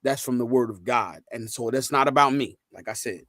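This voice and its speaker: A man hosting a casual faith discussion on a video call, voice rising high and loud when he encourages listeners. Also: fairly quick, no echo, studio quality. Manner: lively, preacherly rises when encouraging. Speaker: host of a faith talk stream.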